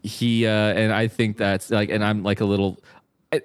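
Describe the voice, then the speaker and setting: A man's voice: fairly low pitch, level tone, moderate pace, smooth, dry recording. A man playing a tabletop game, describing his character's thoughts in a hesitant, filler-heavy way. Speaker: player. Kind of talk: in-character roleplay chat.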